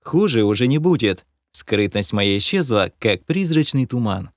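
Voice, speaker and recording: A man's voice: mid-range voice, big pitch swings, normal speed, dry recording, studio quality. A man narrating an audiobook in the first person, in a wry, self-mocking way.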